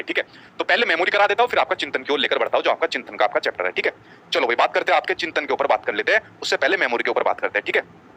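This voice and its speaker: Fast, bright-voiced teacher. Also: male voice, on the high side, poor audio. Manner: keeps asking the class rhetorical questions and answering them himself; adds "ठीक है?" after nearly every point. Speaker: exam-prep teacher. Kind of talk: live online class lecture.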